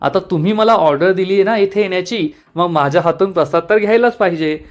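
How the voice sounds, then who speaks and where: A man's voice: sits high, fast talker, dull audio, lightly acted. A man voicing a spirited young woman employee in a serial recap, speaking in a teasing, confident way.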